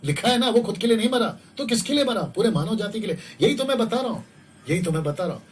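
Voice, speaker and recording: A man's voice: high voice, lively intonation, fast talker. A man preaching an evangelistic sermon, exhorting his listeners and repeating his phrases for emphasis. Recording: distant mic with faint background noise.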